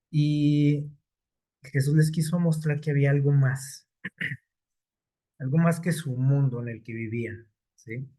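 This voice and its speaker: A man preaching a sermon, unhurried, often pausing on fillers and checking with his listeners. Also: mid-range voice, dark tone.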